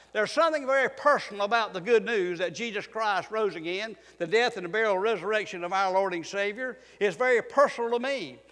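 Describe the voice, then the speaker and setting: A man preaching a fervent sermon in church, swinging between quiet and loud passages. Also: very high voice, long reverb tail. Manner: fervent preaching, rising and falling in volume. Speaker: pastor.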